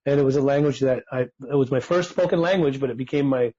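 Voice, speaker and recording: A man's voice: mid-range voice, quick pace, dark tone, dull audio. A man whose first languages were Persian and German, raised in Utah, earnestly telling his life story as a podcast guest. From United States (Utah).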